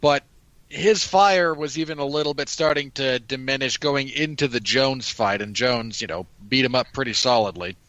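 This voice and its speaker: A man's voice: medium pitch, moderate pace, fairly bright tone, dull audio. A man co-commentating on a boxing show in casual, opinionated sports talk.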